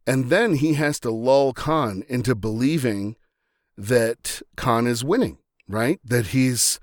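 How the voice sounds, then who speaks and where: A man's voice: mid-range voice, takes it slowly, dry recording. Enthusiastic man in dry podcast talk. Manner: enthusiastic, conversational, with fillers and "right?" asides. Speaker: podcast host. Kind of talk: casual film commentary.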